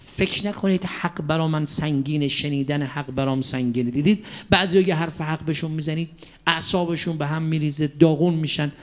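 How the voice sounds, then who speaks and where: A man preaching a religious sermon, asking the audience rhetorical questions and reciting Arabic quotations slowly and deliberately. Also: a little high. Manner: drops to a hushed near-whisper for emphasis.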